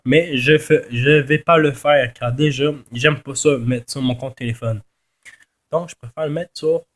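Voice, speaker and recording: A high-pitched man with a Québécois accent talks through a casual game tutorial at a slow pace. His nose is stuffed with a cold, so he sounds nasal. He speaks haltingly, often doubling back to correct his words. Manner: halting, repeats and corrects himself. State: congested with a head cold. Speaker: gaming video host.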